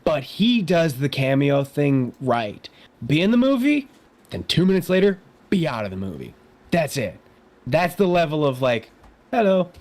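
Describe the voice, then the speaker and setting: A young man co-hosting a movie podcast, his pitch swinging widely up and down as he rants. He sounds sarcastic and exasperated in casual chat. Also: sing-song, normal speed, a little mellow. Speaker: podcast co-host.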